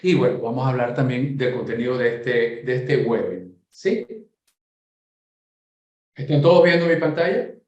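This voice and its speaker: A man from Venezuela presenting a software course in a webinar, explaining step by step and often checking in with his listeners. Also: medium pitch, normal speed, very echoey, highs cut off. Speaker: course instructor.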